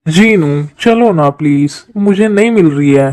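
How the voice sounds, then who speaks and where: A woman's voice: lowish voice, expressive, unhurried, a little mellow, dry recording, pitched below the performer's own voice. A woman voicing a grown husband in a Hindi fan-dub drama, coaxing and pleading with his wife. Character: adult man, husband calling his wife.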